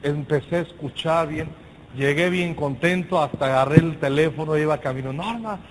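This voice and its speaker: A man with a Mexican accent preaching a sermon, telling a personal story with lively shouted exclamations and casual slang. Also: on the high side, moderate pace, a little hiss or hum, low-quality recording. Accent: Mexican Spanish.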